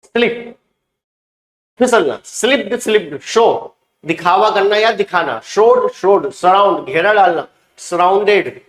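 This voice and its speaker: A man teaching English to Hindi speakers, who reads out each verb with its meaning and repeats every past form twice in a slow drill. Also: high-pitched, roomy sound. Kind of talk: spoken vocabulary drill.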